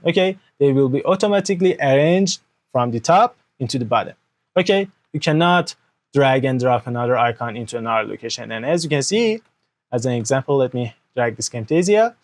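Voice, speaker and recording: A young Persian-speaking man talks a little fast in a mid-range voice with lively intonation, explaining a software walkthrough at his indoor desk. He uses an external mic for the screen-recorded tutorial, checks "okay?" often, and speaks with non-native grammar.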